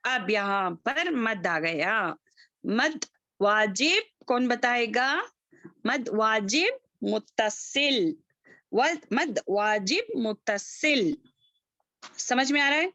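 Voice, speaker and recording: Over a video call, a woman leads an online tajweed class, stretching out syllables in slow, repeated recitation drills and frequently checking in with students. Her voice is a little high and bright, with lively, pushed intonation and no echo.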